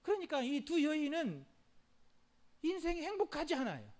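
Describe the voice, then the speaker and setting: A middle-aged male pastor preaching a sermon in an animated way, with frequent hallelujahs and rhetorical questions to the congregation. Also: very high-pitched, normal speed.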